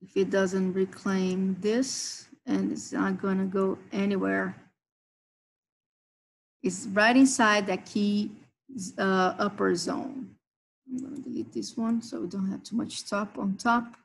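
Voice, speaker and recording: A woman's voice: medium pitch, steady tone, slow, creaky, rough recording. A woman hosting a live trading session, walking members through chart levels and price zones. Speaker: trading stream host.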